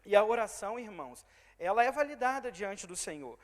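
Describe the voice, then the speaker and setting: Brazilian guy preaching in church, tells his story and voices the people in it, goes loud then quiet, fast talker. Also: high voice, very animated. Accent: Brazilian Portuguese, Rio de Janeiro state. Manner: storytelling, quoting others in swings of loud and soft. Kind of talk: testimony sermon. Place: church hall. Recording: reverberant church hall.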